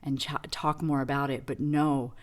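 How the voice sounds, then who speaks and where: A woman's voice: rumbling low, flat delivery, normal speed. A woman giving a casual tarot reading demo, reflective and rambling with many fillers. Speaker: tarot reader.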